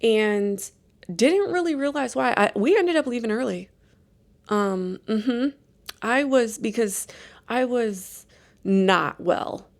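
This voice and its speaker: A woman's voice: a little high, takes it slowly. A woman hosting a podcast, telling a rambling, self-deprecating story in a casual chatty way with many restarts. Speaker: podcast host.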